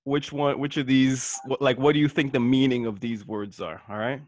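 A man's voice: mid-range voice, steady tone, normal speed, a little mellow, no echo. A man co-hosting a podcast in a casual, laid-back chat, laughing easily as he quizzes his guest. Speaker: podcast co-host.

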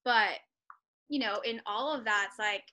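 A woman's voice: a little high, moderate pace, sharp tone. A young woman at home chatting casually, using many "like" and "you know" fillers as she opens an interview for her project. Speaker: interviewer starting a personal project. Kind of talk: casual conversational interview over a call.

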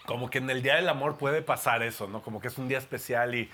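Bright-voiced Mexican man preaching. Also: medium pitch, quick pace, slight background noise. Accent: Mexican Spanish. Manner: playful, joking, conversational. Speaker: pastor. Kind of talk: sermon. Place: church before a congregation.

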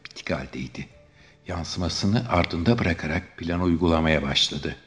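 A man narrating a scripted, dark thriller story in a steady, grave manner. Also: deep voice, moderate pace.

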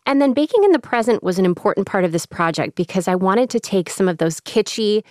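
A woman's voice: medium pitch, lively intonation, quick pace, darkish tone, no room sound, clean studio sound. A woman from the Midwest with a Chicago accent, chatting enthusiastically as a cookbook author in a radio interview. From American Midwest. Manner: enthusiastic, chatty, laughs often.

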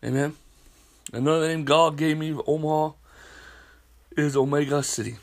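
A man's voice: on the high side, steady tone, normal speed. A middle-aged man from the United States preaching a prophetic sermon as a podcast host, in a declamatory, repetitive manner punctuated with amens and hallelujahs.

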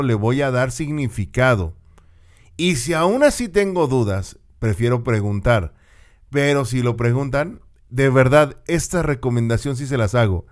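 A middle-aged man with a Mexican Spanish accent gives a relaxed, conversational monologue at an average pitch. He sounds like a seasoned media commentator and teacher. He often slips into other voices to act out bits of dialogue. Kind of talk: casual monologue to camera.

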